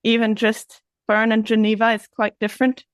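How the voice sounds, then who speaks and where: A young woman from Switzerland, a guest on a podcast, explaining things in a friendly, relaxed way. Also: on the high side, normal speed, clean tone, dry recording. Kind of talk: casual interview chat.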